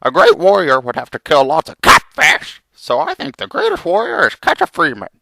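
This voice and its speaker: A man voicing a melodramatic, vengeful frog hero in theatrical comic storytelling, with a gravelly cartoon-like voice. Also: a little high, huge pitch swings, moderate pace, noisy background, exaggerated voice. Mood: earnest. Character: melodramatic, vengeful male frog hero telling his journey.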